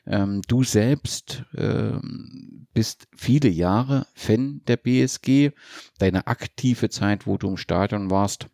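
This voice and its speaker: A man introducing a podcast as its host, with a deliberate, halting delivery. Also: fairly low pitch, vocal fry, warm tone, dry recording, studio quality.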